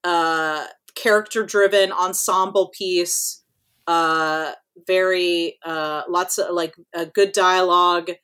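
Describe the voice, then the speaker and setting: A woman's voice: on the low side, fairly even intonation, takes it slowly, pushed and bright, clear, resonant tone. A woman co-hosting a podcast in casual chat, rambling with lots of fillers and casual swearing. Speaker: podcast co-host.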